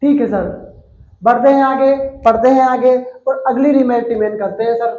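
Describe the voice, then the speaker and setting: A man teaches chemistry in a live online class, joking and teasing his students. His voice is strikingly high. The sound rings in an echoey room. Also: fairly even intonation, normal speed, mellow, dull audio. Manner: playful, teasing, scolds with jokes and sayings.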